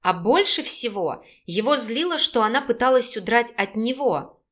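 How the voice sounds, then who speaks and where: A woman reading a novel aloud as an audiobook narrator, steady and expressive. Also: fairly high pitch, moderate pace. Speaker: audiobook reader.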